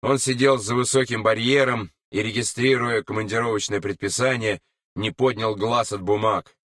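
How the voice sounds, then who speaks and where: A man reading an audiobook in a measured, unhurried way. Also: lowish voice, fairly even intonation, a bit bright, dry recording, studio quality, far from the mic. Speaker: narrator. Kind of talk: audiobook narration.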